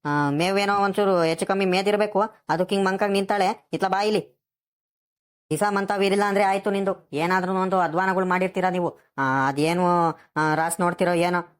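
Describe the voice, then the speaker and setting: A woman's voice: lowish voice, natural voice. A woman voicing a scolding old village grandfather. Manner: scolding, lecturing.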